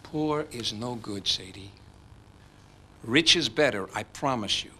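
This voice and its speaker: A man's voice: mid-range voice, animated, measured pace, pushed and bright, a little hiss or hum. An actor playing a domineering, scornful rich father who lectures his grown daughter. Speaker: overbearing father.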